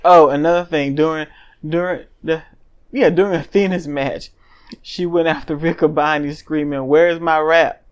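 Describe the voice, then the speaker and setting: A man co-hosting a podcast, chiming in with quick additions and laughs during a casual wrestling review. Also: fairly high pitch, fairly even intonation. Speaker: podcast co-host.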